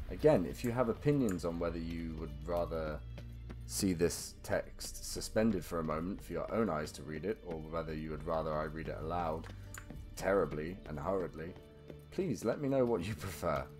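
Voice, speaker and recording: Low voiced guy narrating his gameplay, dry jokey asides, music faint behind. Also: normal speed, darkish tone. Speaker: let's play host. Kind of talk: game commentary and reading in-game letters.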